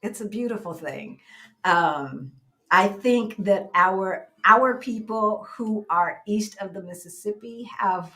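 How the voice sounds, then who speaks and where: Chatty American woman hosting, medium pitch. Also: slow, bright, forceful tone. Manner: chatty, folksy, repeats phrases. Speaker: host. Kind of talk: casual live-stream chat.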